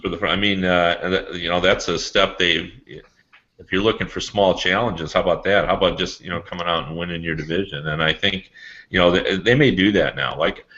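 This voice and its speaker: A man chatting casually as a sports podcast panelist over an online call, in loose, halting phrases with asides. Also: deep voice, steady tone, pushed and bright. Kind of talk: casual hockey discussion. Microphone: remote online call. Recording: dull lo-fi online call audio.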